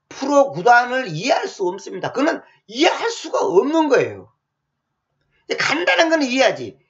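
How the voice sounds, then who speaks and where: A male pastor preaching a sermon in a colloquial, animated way full of rhetorical questions. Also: extremely high pitch, creaky. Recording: muffled lo-fi sound.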